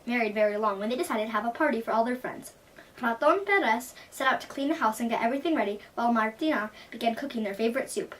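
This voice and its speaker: Quick woman reading a folktale. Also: on the high side. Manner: lively expressive narration. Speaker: storyteller. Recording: distant from the mic.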